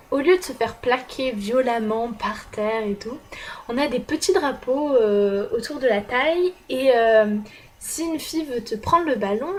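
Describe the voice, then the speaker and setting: Teen girl from France, exchange-student vlogger, casual hesitant chat, rather high voice, unhurried. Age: teenager. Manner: chatty, hesitant, many filler sounds. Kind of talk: casual vlog recap.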